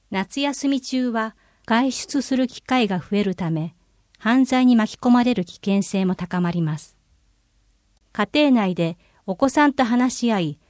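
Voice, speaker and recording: A woman reading a city bulletin aloud in a clear, measured way, slowing down for phone numbers and contacts. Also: a little high, a little mellow, dry recording, clean studio sound. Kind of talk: scripted reading of public notices.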